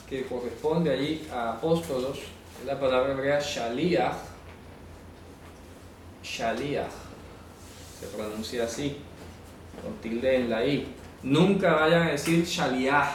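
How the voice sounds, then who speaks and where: A man's voice: mid-range voice, slight background noise. Man lecturing in an echoey room. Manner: explanatory, asks "¿ya?" to check understanding; corrects pronunciation insistently. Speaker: Bible teacher. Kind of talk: classroom Bible lesson. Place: classroom. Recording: echoey room, speaker far from the mic.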